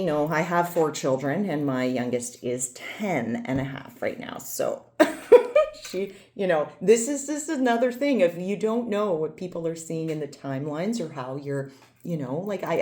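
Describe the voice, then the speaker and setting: A woman's voice: low voice, darkish tone. A woman in her forties telling a personal story in a meandering, chatty way, often correcting herself. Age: 40s. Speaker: vlogger. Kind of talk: casual storytelling.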